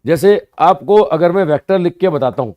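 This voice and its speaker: A man teaching physics to students, explaining slowly and repeating points, often asking rhetorical questions and answering them himself. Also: fairly high pitch, expressive, lo-fi sound. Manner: addresses students as "bhaiya" and "sahab". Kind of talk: classroom lecture.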